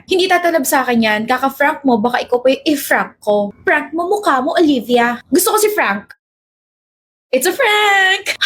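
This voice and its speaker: A woman with a very high yet husky voice acts out a comedy skit. She teases her friends and acts offended in playful banter. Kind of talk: acted comedy skit dialogue.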